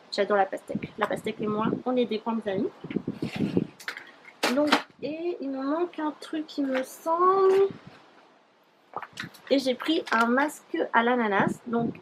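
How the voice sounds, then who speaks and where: A woman's voice: a little high, slight background noise, poor audio. A young woman chatting casually through a beauty haul vlog, rambling with many fillers. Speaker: beauty YouTuber.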